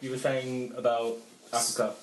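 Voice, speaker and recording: A man's voice: mid-range voice, flat delivery, normal speed, over a noisy crowd. A teenage boy co-hosting a casual podcast with friends, laughing often and filling gaps with "um". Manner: laughs often, hesitant with fillers. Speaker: podcast co-host. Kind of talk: casual chat among friends. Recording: echoey room, loud hiss.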